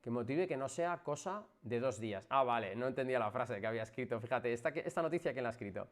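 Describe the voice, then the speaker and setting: Energetic Spanish physiotherapist on a live stream. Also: male voice, mid-range voice, fast. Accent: Spanish from Spain. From Spain. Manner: energetic and emphatic, swings from loud bursts to soft asides. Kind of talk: casual live-stream chat with viewers.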